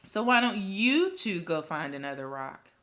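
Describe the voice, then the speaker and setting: A woman's voice: medium pitch, sing-song, measured pace, fairly bright tone. A woman voicing a bossy, pushy schoolgirl who is eager to please, in a storybook reading. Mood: cocky. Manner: pleading, cocky, insistent.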